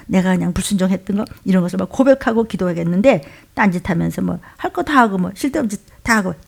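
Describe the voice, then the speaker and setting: Gravelly-voiced woman pastor preaching fervently. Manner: fervent, swings between loud outbursts and low muttering. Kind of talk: emotional sermon.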